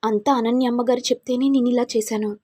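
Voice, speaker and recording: A woman's voice: on the high side, fairly even intonation, quick pace, dark tone, breathy edge, dry recording, studio quality. A woman voicing a frightened housemaid who begs forgiveness and explains herself. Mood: pleading. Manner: begging, apologetic. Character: frightened pleading woman servant.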